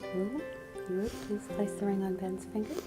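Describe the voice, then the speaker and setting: A woman's voice: mid-range voice, steady tone, fairly quick. A woman wedding officiant giving a scripted ceremony address. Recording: echoey hall, music behind.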